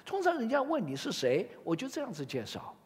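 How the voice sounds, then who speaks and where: A man's voice: very high voice, a little fast. Older man preaching in a reverberant hall. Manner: expressive, asks the audience questions. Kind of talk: sermon with scripture reading.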